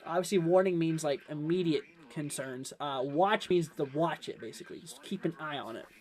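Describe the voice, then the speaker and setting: A man with a somewhat higher-pitched voice hosts live severe weather commentary. He talks off the cuff to his viewers, explaining in a rambling way and often repeating his phrases as he works through updates. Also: normal speed, a little mellow. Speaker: weather livestream host.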